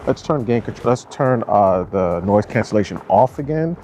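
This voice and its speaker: A man's voice: on the low side, expressive, moderate pace, mellow. A man, a truck driver, talking casually and with slang to the camera outdoors at night. A clip mic under his clothing makes his voice jittery and warbly from noise reduction. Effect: jittery, warbling noise-reduction processing on the voice. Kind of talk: casual vlog talk to camera. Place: outdoors at night in an urban area, riding along. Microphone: wireless clip mic under two layers of clothing. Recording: noisy outdoor street sound.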